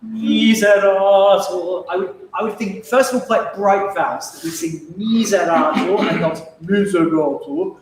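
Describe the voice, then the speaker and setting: A man leading a choir rehearsal, giving brisk, wry instructions and singing phrases to show how they go. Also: high voice, lively intonation, a little hiss or hum. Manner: brisk, wry and encouraging, sings phrases to demonstrate. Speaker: choir conductor. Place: large echoey rehearsal hall. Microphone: distant room microphone. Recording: echoey hall from far off, faint music.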